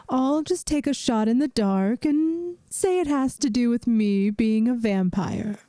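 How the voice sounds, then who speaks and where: A woman with a voice on the high side plays a centuries-old vampire math teacher in an ASMR roleplay, recorded at studio quality with no echo. She's gentle, wry and reassuring, with a soft, soothing, teacherly manner and a coaxing mood.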